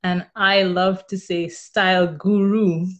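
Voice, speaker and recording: A woman hosting a live interview over a video call. She speaks in a halting, easygoing way. Her talk is full of "you know" fillers. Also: lowish voice, level tone. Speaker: host.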